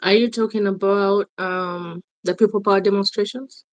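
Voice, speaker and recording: Speaking in English mixed with Luganda, this Ugandan activist, a guest in an interview, keeps repeating her points with emphasis and insistence. Her mid-range voice holds a steady tone at a moderate pace, and the recording is muffled but has no echo.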